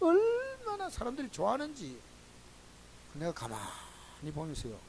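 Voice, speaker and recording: A man with a very high voice preaches a sermon as a pastor, speaking a little slowly over a noisy background. He has a Gyeongsang Korean accent and animatedly tells folksy stories to his congregation.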